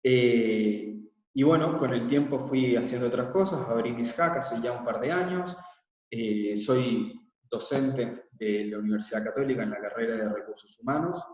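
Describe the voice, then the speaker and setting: A man born in Israel leads an online workshop in a calm, explanatory way, pausing often on filler sounds. His voice sits at an ordinary pitch. It comes through a dull, lo-fi call line from a distance, with a heavy room echo and a long reverb. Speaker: workshop facilitator. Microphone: laptop mic on a video call. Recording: echoey, distant, dull video call audio.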